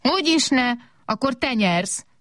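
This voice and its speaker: A woman's voice: sits high, expressive, a bit bright, no echo, studio quality, pitched above the performer's own voice. A woman voicing a small, impatient robot who whines and insists on winning, in a storybook reading. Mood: eager. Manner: whining, insistent.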